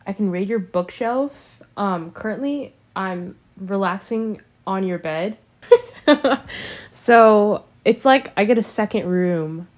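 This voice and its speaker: A woman's voice: mid-range voice, takes it slowly. A teenage girl as a podcast guest in casual chat, bantering playfully and defensively. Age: teens.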